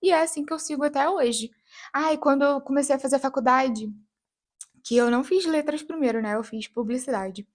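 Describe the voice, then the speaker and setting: A woman's voice: high-pitched, brisk. A young Brazilian woman, an English teacher, chatting casually and playfully about how she learned English. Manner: chatty and playful, acts out English lines loudly. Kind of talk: casual vlog monologue.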